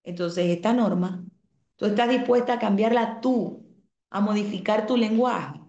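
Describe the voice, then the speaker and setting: A woman teaching an online class at an even, middling pitch. She explains calmly and reads out her students' comments. The room sounds echoey. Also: unhurried, highs cut off. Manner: asks the class rhetorical questions.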